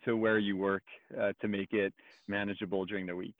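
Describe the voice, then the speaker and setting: A man's voice: fairly low pitch, flat delivery, brisk, no room sound. French-accented man on a tinny line. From France. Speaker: guest, startup co-founder. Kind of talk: podcast interview. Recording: tinny phone-like remote line.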